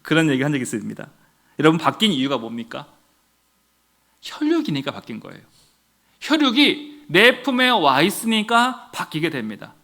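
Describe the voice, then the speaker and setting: A male pastor from Daejeon preaching a sermon, telling stories to his congregation with animated delivery. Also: a little high, moderate pace, creaky. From Daejeon, Korea. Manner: animated storytelling, addressing the congregation.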